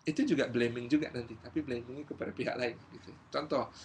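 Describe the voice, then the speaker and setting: A male Islamic preacher giving a lively study lecture, acting out everyday quotes as he tells stories. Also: mid-range voice, quick pace, a little hiss or hum. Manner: lively storytelling, acts out quotes. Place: community gathering hall.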